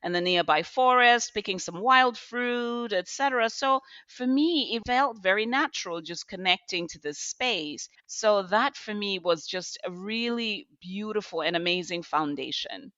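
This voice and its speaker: Bright woman, reflective storyteller. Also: medium pitch, lively intonation, measured pace, few pauses, no echo, lo-fi sound. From Zambia. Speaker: guest. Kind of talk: podcast interview.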